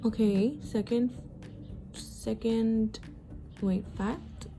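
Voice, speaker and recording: A woman in her twenties speaks very slowly in a steady, dark-toned voice that leans high, with soft music in the background. She's a beauty vlogger, born in Mexico and raised in the US, chatting frankly during a get-ready-with-me makeup session, swearing freely and sighing often.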